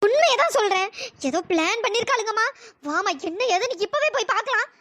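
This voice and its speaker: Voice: animated, fast talker, a bit bright. A voice actor doing an indignant young cartoon woman. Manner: indignant, accusing. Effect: pitch-raised voice processing. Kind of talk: cartoon storytelling voice acting.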